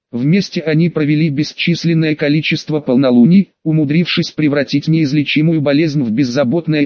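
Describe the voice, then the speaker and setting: A man's voice: fairly high pitch, dry recording. Man narrating an audiobook, dry sound. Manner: measured, even reading. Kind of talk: scripted narration. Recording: dry, slightly muffled recording.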